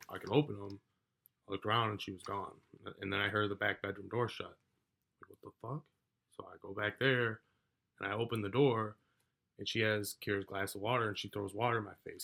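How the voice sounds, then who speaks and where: A man telling a story from his own life in a casual, rambling way, swearing often and getting loud as he relives an argument. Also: fairly low pitch, gravelly. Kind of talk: casual personal account.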